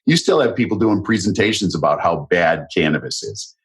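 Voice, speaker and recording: A man's voice: low-pitched, expressive, fairly quick, husky. A man hosting a podcast interview who affirms his guest with enthusiasm and drifts into tangents. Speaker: podcast host. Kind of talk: casual interview conversation.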